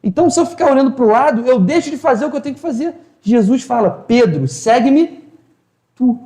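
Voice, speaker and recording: Speaking rapid-fire in a very high, mellow voice with lively intonation, this man delivers an informal spiritual talk. As a spiritual lecturer in the hall of a spiritual house, he tells colloquial, slangy stories and performs the dialogue, all with a roomy echo.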